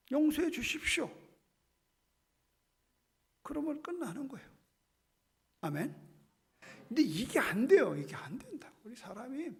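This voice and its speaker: A middle-aged man preaching a sermon as pastor. He acts out Bible dialogue and swings between loud lines and hushed ones. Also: very high voice, vocal fry, slightly rough.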